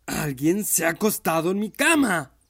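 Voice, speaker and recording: A man voicing a huge, angry papa bear who shouts in a booming voice. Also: sing-song, normal speed, exaggerated voice. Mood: outraged.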